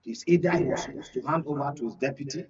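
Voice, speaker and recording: A man with a Nigerian accent appears as a guest analyst on a political panel, talking quickly in a slightly rough, mid-range voice. He explains at length, repeating phrases for emphasis, and the studio recording sounds dull and distant.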